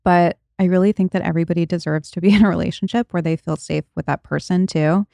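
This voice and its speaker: Woman, late 30s, podcast host; lower register, breezy chatter with frequent laughs, dead-dry studio sound. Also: steady tone, fast talker, vocal fry, mellow, dry recording. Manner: chatty, laughs often, trails off. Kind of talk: casual chat.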